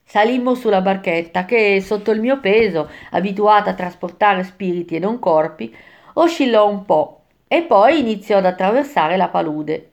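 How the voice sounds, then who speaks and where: A woman narrating a storybook retelling in an expressive, measured reading voice. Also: mid-range voice.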